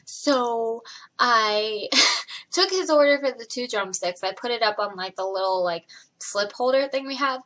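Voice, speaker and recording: Bright animated young woman vlogging. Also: medium pitch. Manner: animated retelling of work customers, acting out both sides. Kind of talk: casual storytelling vlog.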